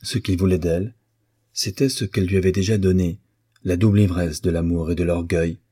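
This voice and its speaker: Deep, husky male audiobook narrator. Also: steady tone, brisk, dark tone, dry recording, clean studio sound.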